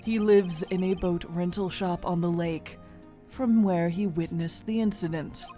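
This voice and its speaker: A woman's voice: lowish voice, fairly even intonation, unhurried, mellow, lightly acted. A woman voicing a formal, haughty male prosecutor from a courtroom video game. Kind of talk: amateur video game voice-over. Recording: music behind.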